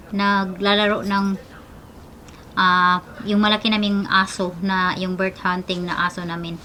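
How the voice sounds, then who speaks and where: A woman's voice: a bit bright, a little hiss or hum. Chatty woman vlogger mixing languages. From Philippines. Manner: switches to a high cooing voice for her dog. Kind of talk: casual vlog chat. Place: outdoors at home in the evening.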